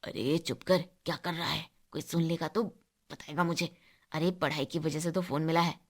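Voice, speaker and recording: Woman voicing a sulky teenage boy. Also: a bit bright. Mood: hushed. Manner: low and sulky, quick to snap. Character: teenage boy, proud, touchy about home.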